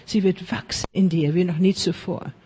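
A preacher leading charismatic prayer ministry, fervently repeating blessings, dropping into whispers at times and mixing in English phrases. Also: male voice, sits high, steady tone, moderate pace, mellow, a little hiss or hum. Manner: fervent, repetitive chanting of blessings; mixes English phrases into German.

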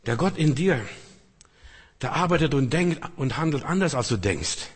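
A man's voice: on the high side, lively intonation, normal speed, husky. A man preaching a sermon in church, speaking straight to the congregation with rhetorical questions. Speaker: pastor.

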